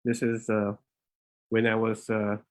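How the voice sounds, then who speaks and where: An immigration consultant hosts a live webinar through a laptop mic, sounding a bit out of breath. His voice is fairly low and completely flat, and he speaks unhurriedly. His informal talk is full of fillers and restarts.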